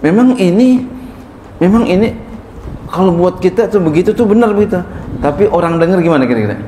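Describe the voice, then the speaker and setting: A kiai teaching a classical text leads a sermon-style kitab study, reciting Arabic and then explaining it in easy, conversational Indonesian. His ordinary-pitched voice is dark, expressive, and brisk. The roomy hall echoes, with faint ambience and a little hiss or hum.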